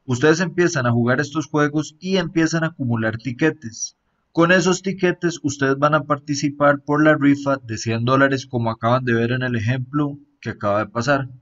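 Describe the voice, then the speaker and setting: A man giving a relaxed walkthrough of a phone app, often tagging sentences with a questioning aside and pausing on fillers. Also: mid-range voice, highs cut off. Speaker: app reviewer. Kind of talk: casual screen-recorded app walkthrough.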